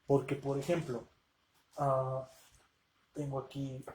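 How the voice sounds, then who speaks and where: A man talks through a live language lesson at an ordinary mid pitch. His delivery is loose and conversational, full of small asides, and he keeps checking in with rhetorical questions to his audience. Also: completely flat delivery, slow pace, a little mellow. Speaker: language teacher hosting a live Q&A. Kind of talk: casual live-stream lesson.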